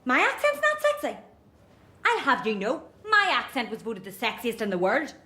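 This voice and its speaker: A jealous young Irish woman who rants crudely about being wronged. Her voice is high and bright, lurching up and down. She stays indignant and brash throughout. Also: wildly swooping pitch, normal speed, full character voice. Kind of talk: sitcom acting.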